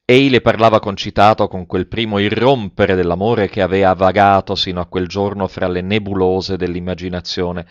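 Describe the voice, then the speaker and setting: A man reading a literary narration aloud in a measured, expressive way, in a dull and slightly muffled recording. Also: deep voice, no echo. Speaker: audiobook reader.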